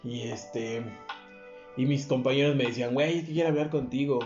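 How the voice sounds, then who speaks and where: Un hombre joven con acento mexicano que cuenta una anécdota en una charla informal, con mucha grosería y jerga, imitando las voces de otros. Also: male voice, mid-range voice, normal speed, darkish tone. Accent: Mexican Spanish. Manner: crude slangy storytelling, acts out quoted voices. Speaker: podcast co-host telling a story. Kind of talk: casual chat. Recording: roomy, dull lo-fi audio with faint music.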